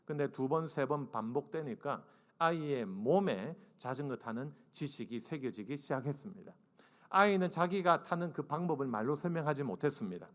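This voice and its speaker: A man in his forties preaches in a church hall with a long reverb. He tells stories with a lively, wide-ranging pitch. He acts out dialogue and asks the congregation to raise their hands. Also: normal speed. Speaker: guest preacher and seminary professor. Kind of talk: humorous storytelling sermon. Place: church sanctuary.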